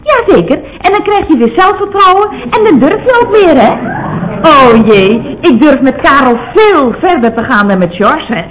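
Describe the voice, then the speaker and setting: A woman's voice: high-pitched, sing-song, normal speed, poor audio. A woman playing a chatty, gossipy office secretary in a radio comedy sketch, peppering her talk with little tag questions.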